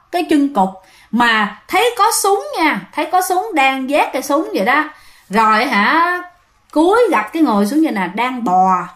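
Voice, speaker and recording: A woman's voice: fairly high pitch, a bit bright. A woman telling ghost stories in a casual, chatty way, often addressing her listeners directly. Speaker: ghost story narrator. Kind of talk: casual spoken storytelling.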